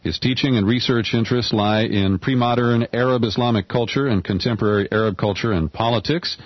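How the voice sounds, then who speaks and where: A man's voice: medium pitch, a little fast, no room sound. A man hosting a radio talk show, introducing and questioning a guest in a casual, self-deprecating way, recorded on a dull lo-fi studio mic. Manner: casual, self-deprecating about running the board himself. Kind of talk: radio interview.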